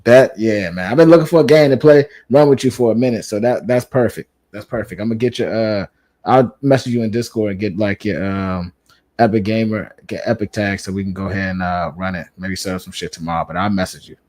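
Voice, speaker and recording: Slangy animated man chatting. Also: lowish voice, fairly quick. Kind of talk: casual chat.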